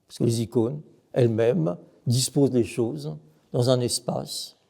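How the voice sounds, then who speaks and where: A man's voice: medium pitch, unhurried, creaky, dark tone. A middle-aged man, a monk, giving an emphatic talk on Byzantine chant, sometimes chanting short examples and putting questions to his listeners. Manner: asks the audience questions. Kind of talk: explanatory talk with sung examples.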